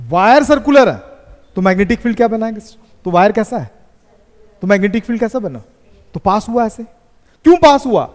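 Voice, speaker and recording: A man teaching physics in a classroom, asking students questions and dictating notes slowly. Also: high voice, darkish tone. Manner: slow dictation. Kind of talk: classroom lecture. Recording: echoey classroom reverb.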